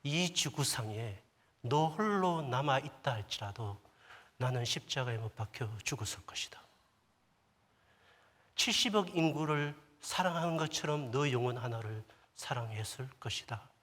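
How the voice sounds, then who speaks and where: A male pastor voicing the Lord as a gentle inner voice, soft and sometimes whispered, in a sermon. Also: mid-range voice, expressive, moderate pace. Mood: tender. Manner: soft, hushed, at times whispered. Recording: long church hall reverb.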